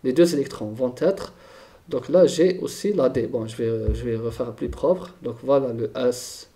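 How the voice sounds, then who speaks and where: A man's voice: medium pitch, unhurried, mellow. A man teaching a chemistry lesson, thinking aloud and repeating key terms, often checking with "d'accord?".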